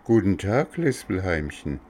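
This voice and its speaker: A man's voice: deep voice, very animated, unhurried, darkish tone, breathy edge, heavily acted. A man voicing a remorseful, polite wooden puppet boy in a storybook reading, in a pleading, apologetic way. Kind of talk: storybook narration.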